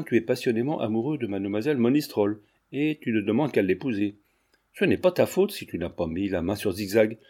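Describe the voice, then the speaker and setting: A man's voice: mid-range voice, a little mellow, slightly rough. A man voicing a breezy, jocular young man who jokes offhand with his friends.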